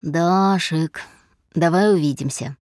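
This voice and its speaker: A woman voicing a drunk, insistent young man on the phone, with a low, relaxed and slurring voice, in a dry recording. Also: normal speed, no echo, close to an everyday voice.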